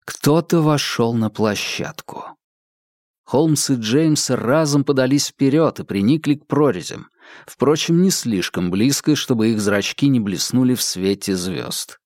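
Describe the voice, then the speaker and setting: A man reads an audiobook aloud in a measured, even way, his voice sitting in the mid-range. It's scripted narration captured with clean studio sound and no echo.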